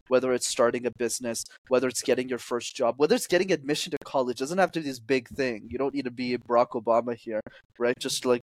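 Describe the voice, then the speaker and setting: This twenty-something man plays the communication coach in a relaxed interview, animated and leaping abruptly in pitch whenever he voices someone he's quoting. The audio is rough, though free of echo.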